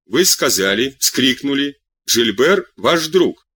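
A man's voice: mid-range voice, sing-song, slow pace, fairly bright tone, slightly rough, no echo, exaggerated voice. A man voicing a proud, jealous young count who presses his questions insistently.

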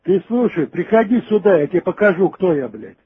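An older man in an angry phone argument, cursing and threatening like a street thug in a rough voice. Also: sits high, sing-song, a little fast. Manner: belligerent, foul-mouthed, threatening street-thug abuse. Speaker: prank call victim. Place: phone call. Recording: tinny phone-line call.

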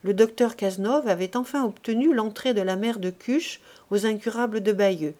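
A woman reads a classic novel aloud at a measured, steady pace. Her pitch sits in the middle of a woman's range, and she tells the story in an even, unhurried way. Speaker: audiobook reader. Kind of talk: literary audiobook narration.

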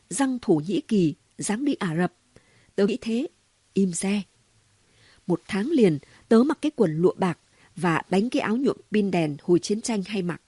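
A woman's voice: medium pitch, dark tone, slightly rough, no room sound. Woman voicing a chatty, mocking gossip. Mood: teasing. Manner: chatty, mocking, full of exclamations. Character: gossipy, sharp-tongued city woman. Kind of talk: audiobook reading.

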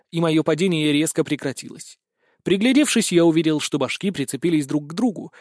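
A man reads a first-person audiobook with a lively, expressive delivery. His voice sits a little high for a man. The recording is dry and close, with no room sound. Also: no room sound. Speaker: audiobook narrator.

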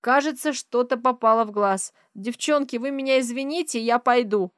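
A woman voicing a cheerful young man with a loud, booming way of talking in an audiobook. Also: normal speed, no echo, studio quality, lightly acted.

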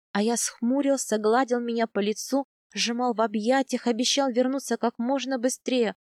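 A woman reading a first-person novel aloud, soft and intimate in tone. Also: sits high, no room sound, studio quality. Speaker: audiobook narrator.

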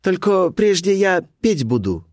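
A man's voice: sing-song, a little slow, a little mellow, dry recording, full character voice. A man voicing a mysterious, teasing young woman who talks in short, broken phrases, recorded in a dry space. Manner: high, clipped, broken phrases.

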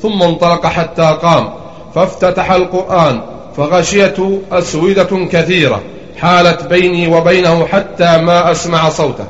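A man reading a classical text aloud to a lesson, in a measured voice with a slightly chanted lilt. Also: a little high. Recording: lo-fi recording in an echoey room.

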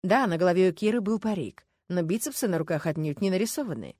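A woman reading an audiobook in lively, ironic scripted narration. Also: fairly low pitch, quick pace, no room sound, studio quality.

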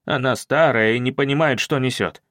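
Мужчина играет растерянного деревенского вождя, который умоляет и обиженно приказывает. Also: male voice, mid-range voice, brisk, fairly bright tone, no room sound, clean studio sound, close to an everyday voice. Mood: pleading. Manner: pleading, touchy. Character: flustered village chief, grown son.

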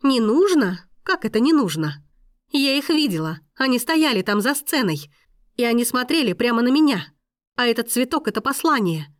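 A woman reading a novel aloud, voicing a frightened and furious young heroine in shrill angry outbursts. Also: big pitch swings, moderate pace, dry recording, studio quality.

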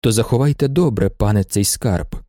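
A man voicing a calm, sardonic middle-aged merchant with a low, even delivery in a storybook reading. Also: moderate pace, dry recording, studio quality, natural voice.

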